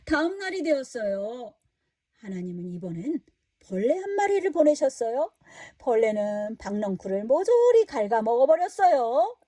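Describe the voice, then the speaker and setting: A woman reading a children's Bible story in an expressive, sing-song way. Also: fairly high pitch, normal speed, dry recording, studio quality, distant mic.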